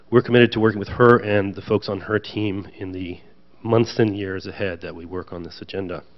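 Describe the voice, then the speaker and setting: A man speaking as a panel speaker at a conference, chatty, with light self-deprecating jokes. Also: on the low side. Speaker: panel speaker, association president. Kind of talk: conference remarks. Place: conference room with audience. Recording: dull lo-fi event audio.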